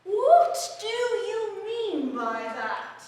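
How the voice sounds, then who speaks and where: A woman's voice: very high-pitched, big pitch swings, very slow, a little mellow, full character voice. A woman playing a sleepy, curt male caterpillar in a live stage reading in a church, terse and demanding. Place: church sanctuary. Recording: echoey church hall from far off, faint hiss.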